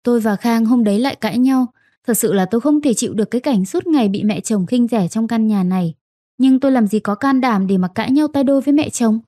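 A woman with a fairly high but dark, mellow voice narrates a first-person family drama story. She acts out each character's lines herself, in a dry, close recording. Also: no room sound. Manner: acts out every character's lines in her own voice. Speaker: audiobook narrator.

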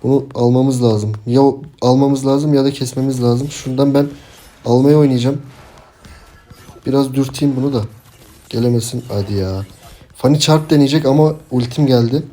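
A man's voice: mid-range voice, mellow. A young man giving casual, chatty commentary while playing a game, sometimes breaking into frustrated outbursts and talking to his teammates. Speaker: gameplay streamer. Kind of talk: casual live gameplay commentary.

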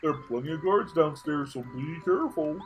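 A woman's voice: deep voice, fairly quick, soft background music, close to an everyday voice. A woman voicing a greedy, hungry little male minion, reading casually near her own voice with a playful tone. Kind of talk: playful read-along of game dialogue.

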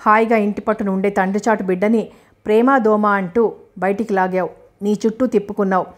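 A woman narrator puts on an elderly orthodox father in a storybook reading, bitter with grief and scolding without pause. The voice stays mid-pitched and close to her own. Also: steady tone, lightly acted. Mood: angry, grieving. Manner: scolding, cursing.

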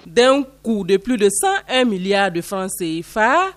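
A man's voice: high-pitched, measured pace, soft background music. A man with a Burkinabè French accent reading scripted news narration as a reporter. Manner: lively read-out voice-over.

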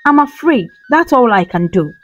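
A woman's voice: fairly high pitch, big pitch swings, normal speed. A woman voicing a frustrated male hospital doctor who speaks in a formal, resigned way. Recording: slightly dull recording with soft music.

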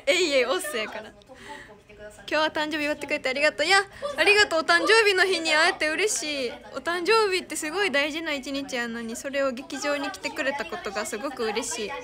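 A crowd murmurs in the background as a young idol streamer, high-voiced and bright with a Kansai accent, chats casually to fans at a slightly fast pace. Reading their comments, she often giggles and thanks her viewers.

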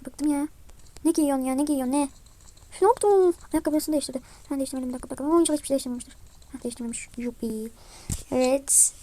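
A young woman, sounding a bit sick, giving chatty, excitable commentary over her gameplay and often dropping to a mutter. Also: sits high, very fast. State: slightly sick voice. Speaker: gaming vlogger.

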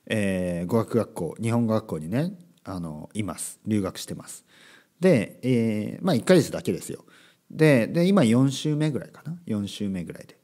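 A man's voice: fairly low pitch, mellow. A Japanese man hosting a casual solo podcast as a language teacher, talking emphatically and repeating his key words. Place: lives abroad, recorded solo.

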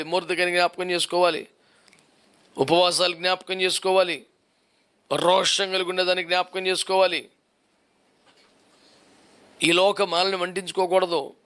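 A man's voice: sits high, sharp tone, clean tone. A male pastor preaching a sermon, driving his points home with repeated rhetorical questions.

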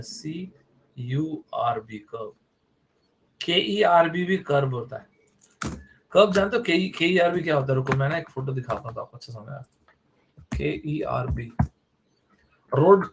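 A man's voice: a little high, gravelly, lo-fi sound, a little hiss or hum. A man giving a casual online vocabulary lesson, chatty and playful, spelling words out letter by letter. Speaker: vocabulary teacher.

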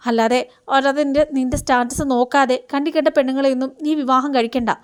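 A woman's voice: sits high, steady tone, fast, clear, resonant tone, lightly acted. Woman reading a haughty scolding mother. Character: proud scolding rich mother, middle-aged.

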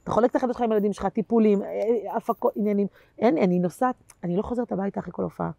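A woman comedian chatting as a guest in an interview, telling animated stories that swing between loud bursts and quiet asides, with plenty of slangy fillers. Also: medium pitch, vocal fry, dry recording. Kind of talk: casual interview chat.

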